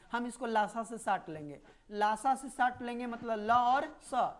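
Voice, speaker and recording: A woman's voice: fairly high pitch, background noise. Hindi teacher woman. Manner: explains with memory stories and repeats key words. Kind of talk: live online class lesson.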